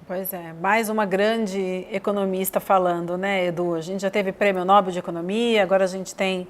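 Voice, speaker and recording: A woman's voice: mid-range voice, fairly even intonation, moderate pace. Female anchor, conversational, prompts her commentators. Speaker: news anchor. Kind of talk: live news show.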